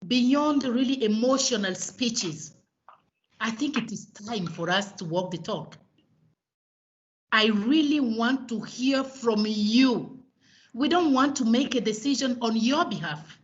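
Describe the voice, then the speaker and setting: A woman's voice: on the high side, animated, slow pace. A woman director giving an earnest, emphatic welcome speech over a video call. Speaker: regional director opening a meeting. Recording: slightly dull video-call audio.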